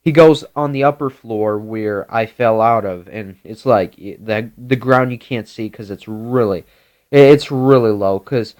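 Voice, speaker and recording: A man's voice: fairly low pitch, unhurried, darkish tone. A man telling a meandering improvised story, full of restarts and filler words.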